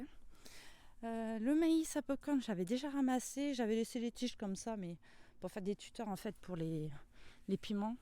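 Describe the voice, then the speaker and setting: Woman, mellow voice, casual garden vlog, chatty with fillers, phone mic outdoors. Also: medium pitch. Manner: chatty, many fillers and tag questions. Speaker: gardening vlogger.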